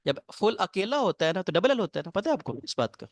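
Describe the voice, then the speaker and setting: Male teacher, higher voice. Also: big pitch swings, no echo. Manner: reads rules slowly, explains in quick asides, quizzes students. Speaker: English teacher. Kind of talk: classroom lecture. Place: classroom. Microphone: recorded lecture mic.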